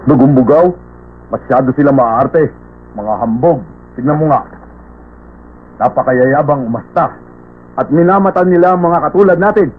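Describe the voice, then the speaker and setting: A man voicing Mr. Hobbs, a high-voiced grumpy grocer. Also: normal speed, long pauses, a little hiss or hum, lightly acted. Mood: indignant. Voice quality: blustering, scornful, clears throat. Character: grumpy middle-aged male grocer who scorns nobles. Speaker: shopkeeper. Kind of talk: Tagalog cartoon dub. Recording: tinny lo-fi dub with faint music.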